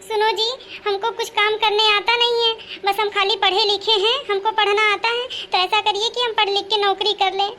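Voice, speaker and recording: An actress playing a whiny, helpless, educated young daughter-in-law in a comedy skit. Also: female voice, extremely high pitch, little pitch movement, normal speed, hardly any pauses, pushed and bright, a little hiss or hum.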